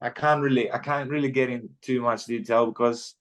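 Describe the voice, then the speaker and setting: Relaxed young man from Greece. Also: medium pitch, fairly quick. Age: 20s. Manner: laid-back, peppers speech with "you know". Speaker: guest fighter. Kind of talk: casual interview chat.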